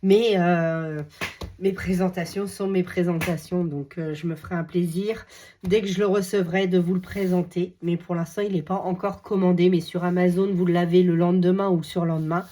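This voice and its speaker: A middle-aged woman hosting a craft channel, chatting casually and enthusiastically with many fillers, her voice slightly hoarse. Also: fairly low pitch, fairly even intonation, moderate pace, warm tone. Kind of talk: casual chat showing books.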